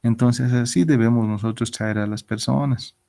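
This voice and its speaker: A man's voice: medium pitch, steady tone, moderate pace, gravelly, warm tone. A man teaching a Bible class as pastor, asking rhetorical questions and acting out quoted voices.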